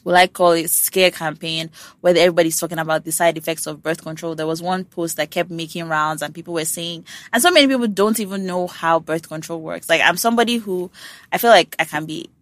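Low-voiced woman podcast host. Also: brisk, no room sound. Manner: frank, blunt and swears freely. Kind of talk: casual podcast chat.

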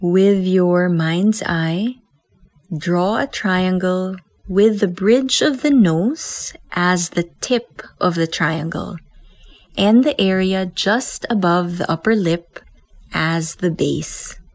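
A woman with a Filipino accent leading a guided meditation as a teacher, speaking in a calm, gentle way with unhurried pauses. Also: on the low side, no room sound.

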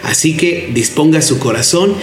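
Higher-pitched Mexican man hosting, roomy sound. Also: animated, moderate pace. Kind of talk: devotional welcome to listeners. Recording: roomy echo. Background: faint music.

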